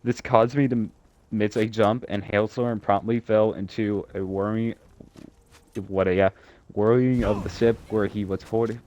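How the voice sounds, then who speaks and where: Young male co-host, lowish voice, reading a story casually, trips over words and cracks jokes. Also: steady tone, moderate pace, darkish tone, slight background noise. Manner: stumbling over words, laughing, joking asides. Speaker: co-host reading a creepypasta aloud.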